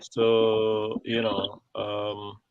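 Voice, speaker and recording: A man hosting a live-streamed talk show, speaking in a rambling, halting way full of fillers. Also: fairly low pitch, completely flat delivery, phone-quality sound, slight background noise.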